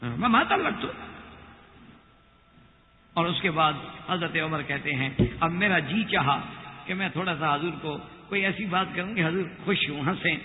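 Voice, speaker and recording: A man preaching a sermon who retells stories with acted dialogue and chants scripture slowly. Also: fairly high pitch, a little hiss or hum. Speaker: Islamic preacher. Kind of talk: Urdu sermon with storytelling. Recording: tinny lo-fi with long reverb.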